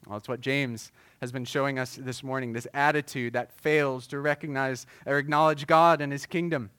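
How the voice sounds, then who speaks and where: A man preaching a sermon as pastor, earnest and measured, with frequent filler words. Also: mid-range voice, fairly even intonation, a bit bright, clear, resonant tone, no echo.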